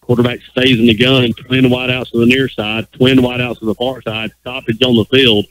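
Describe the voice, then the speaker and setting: Bright-voiced man calling football play-by-play. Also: medium pitch, little pitch movement, a little hiss or hum, poor audio. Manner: rapid running call of the action. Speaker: play-by-play announcer. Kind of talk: live high school football radio play-by-play.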